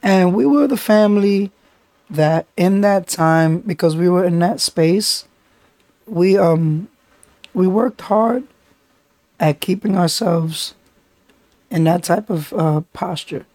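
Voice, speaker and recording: Podcast host: raspy, under-the-weather man with a New York accent, reflective, casual, dry close sound. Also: sits high, takes it slowly, long pauses, darkish tone, no echo. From the Bronx. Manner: reflective, thoughtful, speaks in long run-on sentences. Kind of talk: casual chat.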